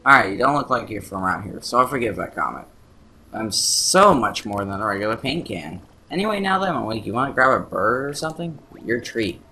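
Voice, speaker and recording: A man's voice: medium pitch, big pitch swings, fairly quick, bright, forceful tone, a little hiss or hum. A man voicing a cocky, wisecracking talking paint can sidekick in a video game voice-over. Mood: indignant. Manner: brash, bossy and wisecracking. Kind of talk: let's play voice-over.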